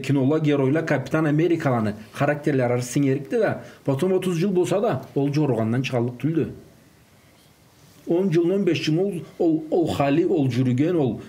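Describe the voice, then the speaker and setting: A native Karachay-Balkar speaker with a fairly high but dark-toned voice talks in an informal religious discussion on child-rearing. He mixes Russian words and phrases into what he says.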